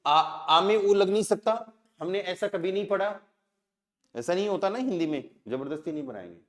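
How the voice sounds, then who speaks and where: A man's voice: high voice, lively intonation, moderate pace, echoey room. A man with an Indian accent teaching a language class. He keeps asking the students questions and answering them himself. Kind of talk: classroom lesson.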